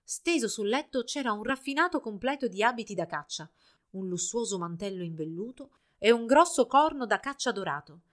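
A woman reading a fairy tale aloud in an expressive storybook narration. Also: on the high side, a little fast.

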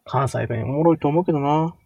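Kansai-accented guy in his 20s, podcast co-host: slightly high voice, opinionated and teasing. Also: quick pace, mellow, husky, dry recording. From Kansai, Japan. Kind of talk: casual podcast chat.

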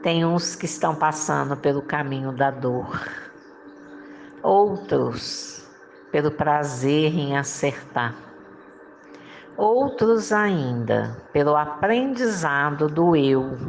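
A woman's voice: low-pitched, animated, slow pace, a little hiss or hum. A woman giving a motivational monologue, coaxing listeners with rhetorical questions and frequent laughs. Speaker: motivational speaker.

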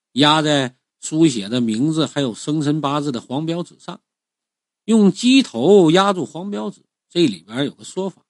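A man telling a first-person story in a conversational, animated way, drawing out the ends of his phrases. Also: on the high side, no echo, studio quality.

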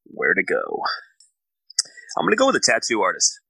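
Bright, expressive man on a podcast. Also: lowish voice, moderate pace, gravelly, slightly rough, dry recording. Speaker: podcast co-host. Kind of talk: casual comedic banter.

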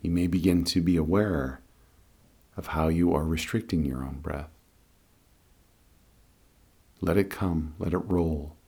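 A man leading a guided meditation in a calm, soothing, unhurried way. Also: low-pitched, gravelly, husky. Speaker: guided meditation and breathing teacher.

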